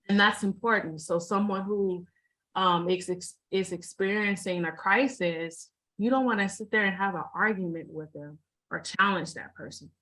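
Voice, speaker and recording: A woman speaking as a guest mental health responder over a video call, giving informal advice with many pauses, fillers and repeated phrases. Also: lowish voice, fairly bright tone, poor audio. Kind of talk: informal presentation to an online group.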